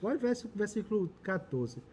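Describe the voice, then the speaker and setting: A man's voice: high voice, big pitch swings, brisk, darkish tone, a little hiss or hum. A Brazilian man leading a Bible study dialogue, reading verses aloud and explaining them earnestly. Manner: reads scripture aloud, then explains it earnestly. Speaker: church Bible teacher.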